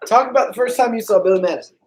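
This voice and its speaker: A man's voice: high-pitched, rapid-fire, darkish tone. A man hosting a podcast, chatting casually and telling anecdotes. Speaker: podcast host. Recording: roomy, echoing sound.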